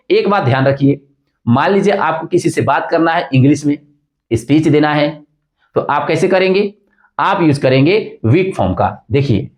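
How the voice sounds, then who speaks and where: A male teacher explains grammar with a lively, rising and falling voice, often asking a question and answering it himself. He talks to his class as children and points them to the board. His voice sits a little high for a man. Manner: addresses students as children, asks and answers his own questions. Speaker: English teacher.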